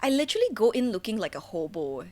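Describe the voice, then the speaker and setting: A woman's voice: medium pitch, big pitch swings, quick pace, dark tone. A woman with a Singaporean accent co-hosting a podcast, chatting casually in colloquial Singlish. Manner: colloquial Singlish with sentence particles. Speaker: podcast co-host. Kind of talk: casual chat.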